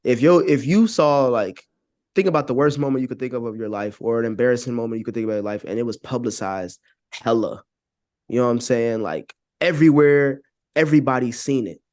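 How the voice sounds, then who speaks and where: Speaking briskly in a medium-pitched, darkish voice, a podcast guest offers his views in casual, earnest conversation. He leans on slang and keeps dropping "you know what I'm saying."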